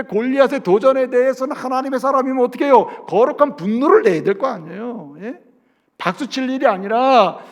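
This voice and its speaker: A man preaching a sermon as a pastor, asking the congregation questions and swinging between loud emphasis and soft, low asides.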